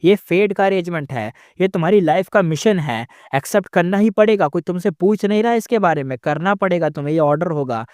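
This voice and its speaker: A man's voice: sits high, expressive, a little fast, few pauses, darkish tone, no echo, studio quality. A man voicing a stern, angry male master immortal who scolds harshly and gives orders. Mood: angry scolding.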